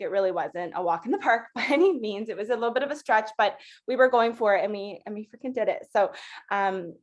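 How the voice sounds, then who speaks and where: A woman's voice: mid-range voice, muffled recording. Chatty, affectionate woman giving thanks. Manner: chatty and affectionate, with many fillers. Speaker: sales team manager. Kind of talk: heartfelt thank-you speech.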